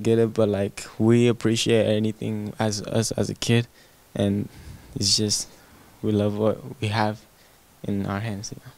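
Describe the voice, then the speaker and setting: A teenage boy from Thailand speaks from the heart, often filling pauses with "like." His voice sits low and stays fairly flat, and it sounds close on a handheld mic in a room. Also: gravelly. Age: teens. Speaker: youth soccer player. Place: indoor room. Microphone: handheld microphone.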